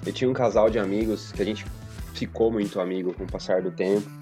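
A Brazilian man with a Brazilian accent in casual podcast chat, explaining things calmly. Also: on the low side, fast talker, soft background music.

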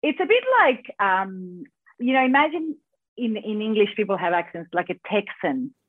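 A woman with a strong Argentine Spanish accent speaks quickly and animatedly as a podcast guest. Her voice comes through tinny and narrow, as if over a phone line, with no room sound at all. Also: mid-range voice, no echo. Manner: fast-talking, animated storyteller. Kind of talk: podcast interview.

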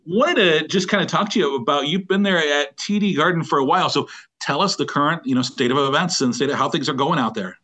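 A man with a voice pitched a bit above average hosts a podcast. He talks conversationally, introducing and questioning in an interviewer's style. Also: fast, sharp tone. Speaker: podcast host.

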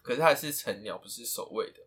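A man's voice: mid-range voice, quick pace, a bit bright, breathy edge. A young man co-hosting a casual podcast, telling funny pet stories with lots of laughter and imitated bird chirps and squawks. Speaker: podcast co-host. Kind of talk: casual chat.

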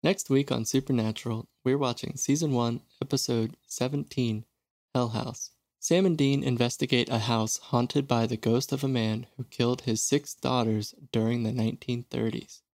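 A man's voice: medium pitch, fairly even intonation, normal speed, darkish tone, dry recording. A man co-hosting a casual podcast, reading out a preview of the next episode. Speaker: podcast co-host.

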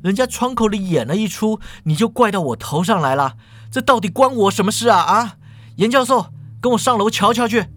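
A man voicing a brash, exasperated young man with a loud, brusque delivery. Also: on the high side, a little fast, hardly any pauses.

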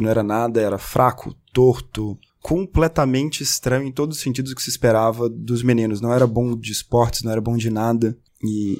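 Casting: Brazilian man, frank and reflective, fast talker, middle pitch. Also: a little mellow. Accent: Brazilian Portuguese. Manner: reflective and candid. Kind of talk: casual podcast conversation.

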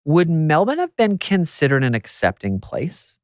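A man's voice: on the high side, wildly swooping pitch, normal speed, a little mellow, no echo, studio quality. An American man hosting a podcast interview, bubbly and playful in a theatrical way. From United States. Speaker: podcast host.

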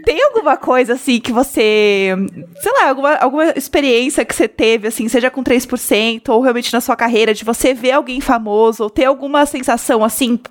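A woman's voice: fairly high pitch, a little fast. A woman hosting a casual podcast, telling an anecdote and asking her guest open, rambling questions. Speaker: podcast host.

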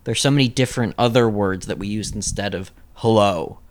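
A man's voice: on the low side, fairly quick, a little hiss or hum. A man talking casually as a podcast guest, hesitant and full of "like" fillers. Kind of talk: casual chat.

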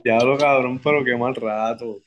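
Male co-host, mid-pitched, quick reactive chatter full of swearing. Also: fairly even intonation, a bit bright, lo-fi sound, slight background noise. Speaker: podcast co-host. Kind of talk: casual chat.

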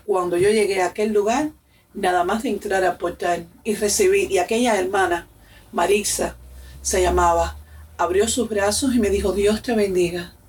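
A Cuban church member in her forties, speaking with a Cuban Spanish accent, gives a fervent, emotional faith testimony and repeats phrases for emphasis. Her mid-range voice is steady and darkish at normal speed, captured far from the mic.

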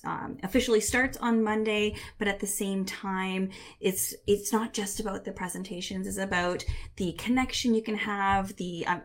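A middle-aged woman hosting a live online coaching session, chatting casually and often breaking off to rephrase herself. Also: mid-range voice. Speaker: career and leadership coach, summit host.

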